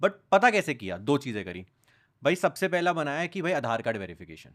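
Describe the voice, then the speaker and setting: Animated young man telling stories. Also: on the high side, brisk. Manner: animated storytelling, mixing English into speech. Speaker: news content creator, guest. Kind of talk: casual podcast interview.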